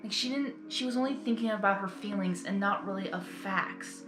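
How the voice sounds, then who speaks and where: Speaking fairly quickly in a medium-pitched voice, a woman reacts emotionally and casually in a video she hosts, exclaiming, rambling and repeating herself often. The sound is roomy, with faint music playing behind her.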